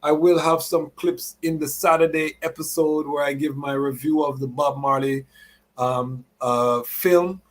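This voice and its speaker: A podcast host, a man with a slightly high voice, talks live to his followers. He moves between announcements and reasoning, using Rastafarian idiom and catchphrases. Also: steady tone, unhurried.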